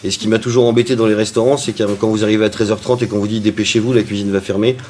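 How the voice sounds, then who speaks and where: Fast-talking man, chatty restaurant cook. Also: fairly low pitch, level tone, a little mellow, slight background noise. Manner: chatty, with frequent hesitations. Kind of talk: casual interview answers.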